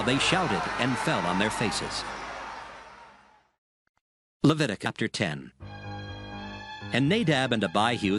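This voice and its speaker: Over background music, a man reads scripture from a script in a mid-range voice. His delivery is measured and solemn.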